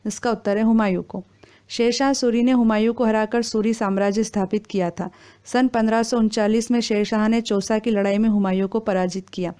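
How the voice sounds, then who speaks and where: A woman reading exam quiz questions and their answers in a steady, formal recitation. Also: medium pitch, fairly quick.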